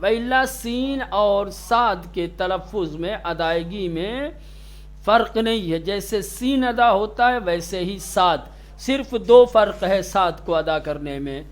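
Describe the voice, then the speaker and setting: A man's voice: sits high, lively intonation. A man teaching Quran letter pronunciation to a class, stretching out sounds to demonstrate them and sternly scolding students who drift off.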